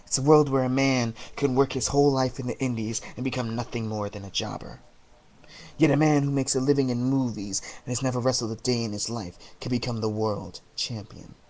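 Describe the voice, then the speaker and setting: A man delivering a wrestling promo monologue as a heel, brooding and taunting, with theatrical, deliberate dramatic pauses. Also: medium pitch, slight background noise, low-quality recording. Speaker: amateur wrestler cutting a promo as a heel character.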